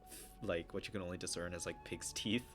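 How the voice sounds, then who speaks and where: A man's voice: deep voice, steady tone, a little fast, fairly bright tone, faint music behind. A man narrating a tabletop role-playing game as game master, loose and full of fillers as he describes the scene.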